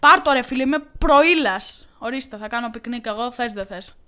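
A woman gaming YouTuber doing let's play commentary, with excitable shouted reactions and playful taunts. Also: on the high side, noisy background.

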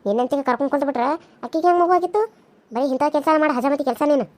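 A shrill, very high-voiced village mother-in-law, voiced by a woman in a cartoon serial. She scolds in sarcastic bursts with a North Karnataka accent. Her voice sits far above an ordinary woman's pitch. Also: rapid-fire, darkish tone, lightly acted. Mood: scolding. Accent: North Karnataka Kannada. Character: scolding rural mother-in-law, older woman, sharp-tongued.

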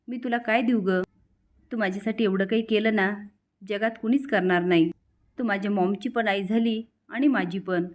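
A woman narrating a recap of a television serial episode, voicing the characters' lines with light emotion. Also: mid-range voice. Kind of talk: storytelling recap with quoted dialogue.

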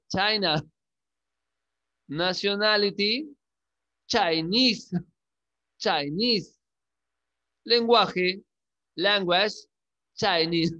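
A male English teacher giving a class, repeating words slowly and checking in with questions. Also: high voice, bright, forceful tone, dull audio. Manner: coaxing, checks in with frequent questions. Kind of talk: classroom lesson.

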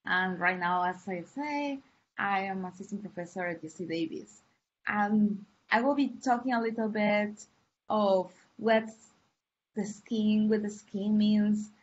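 A woman from Peru, a university lecturer, giving an online class in a friendly, unhurried way with fillers and pauses. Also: medium pitch. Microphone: computer mic on a video call. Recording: muffled lo-fi call audio.

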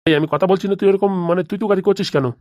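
A woman's voice: medium pitch, racing, a little mellow, dry recording, lo-fi sound, lightly acted. A woman voicing a cartoon father who haggles with a toy seller and scolds him, protective of his son. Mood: haggling. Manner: bargaining, scolding. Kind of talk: cartoon voice acting.

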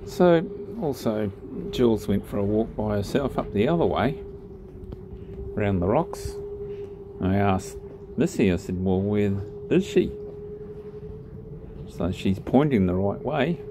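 A man narrating his sailing trip over drone footage in a relaxed, unhurried way, with frequent ums and pauses. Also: fairly low pitch, background noise.

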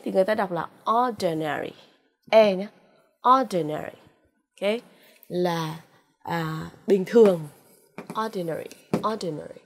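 Woman, Vietnamese accent, English teacher; drawn-out word drills, patient coaxing delivery with "ok" fillers. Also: fairly high pitch. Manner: slow, drawn-out repetition of English words; frequent "ok" and "à" fillers, coaxing "đúng không ạ?". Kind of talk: vocabulary lesson with pronunciation drills.

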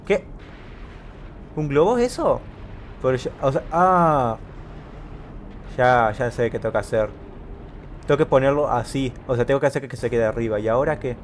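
A man giving casual let's-play commentary, thinking aloud about puzzles and repeating words in quick bursts when rushed. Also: mid-range voice, animated, a little hiss or hum. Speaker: gameplay commentator.

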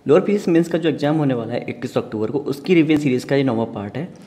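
A man's voice: mid-range voice, animated, fast talker, dark tone, in a large hall. A man teaching an exam revision lesson, asking questions and then answering them himself.

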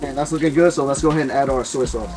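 A man's voice: medium pitch, racing. A man in his thirties speaking as a teppanyaki chef, giving casual step-by-step cooking instructions while he works. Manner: step-by-step, explanatory teppanyaki chef talk while working at the griddle. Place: outdoor covered deck by water. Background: music, sizzling griddle, utensils stirring.

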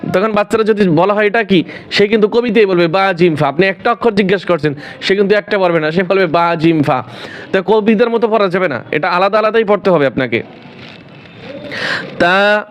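A man with a high voice gives a slow, patient home lesson on reading the Quran. He names the Arabic letters one at a time and explains each between them. A faint hiss of background noise sits under his voice.

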